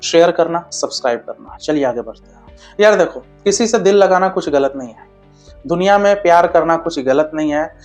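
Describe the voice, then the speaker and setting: A man's voice: fairly high pitch, expressive, moderate pace, faint music behind. A man giving blunt, casual relationship advice straight to his viewers, keeps checking they understand and calls them brother.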